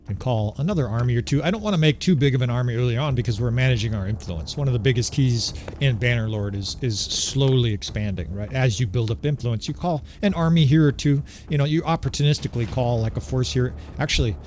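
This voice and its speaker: This gaming commentator talks fast with few pauses, his medium-pitched voice carrying a darkish tone over a faint hiss or hum. He's chatty and enthusiastic while narrating a strategy game playthrough, constantly tacking "right?" onto his points.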